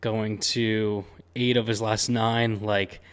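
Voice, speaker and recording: A man's voice: on the low side, level tone, slow pace, clean tone. A man hosting a sports betting picks show, talking casually and upbeat, with slangy sports talk and lots of "um" and "uh" fillers. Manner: chatty and upbeat, with frequent "um" and "uh" fillers.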